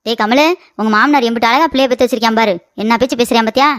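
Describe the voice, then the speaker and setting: A woman voicing a bickering older mother-in-law in a cartoon comedy, scolding with quick sarcasm. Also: a little high, fairly even intonation, no echo, studio quality, lightly acted.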